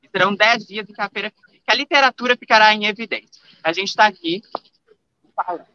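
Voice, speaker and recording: A young man in his twenties reporting live from an outdoor book fair with a handheld mic, asking brisk short questions. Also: high voice, pushed and bright, clean tone, dry recording, muffled recording. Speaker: field reporter. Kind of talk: live on-site reporting and interviews.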